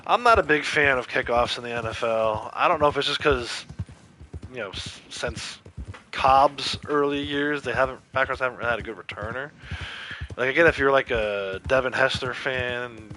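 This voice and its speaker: A man's voice: medium pitch, normal speed, pushed and bright, a little hiss or hum. A man streaming a game, chatting casually and opinionated, rambling with lots of fillers. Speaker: gaming streamer. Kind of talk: casual livestream chat while playing.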